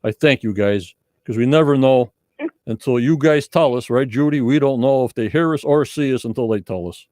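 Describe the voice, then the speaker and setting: A man's voice: mid-range voice, normal speed, darkish tone, dry recording. A man hosting a live podcast, chatting casually to his online viewers and repeating himself as he goes. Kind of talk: casual livestream chat with viewers.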